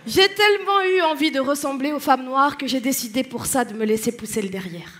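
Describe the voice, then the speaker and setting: A woman's voice: high-pitched, a little fast. A woman from Tunisia performing a stand-up comedy set, playful and slipping into mimicked voices. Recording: live stage with loud audience laughter and noise.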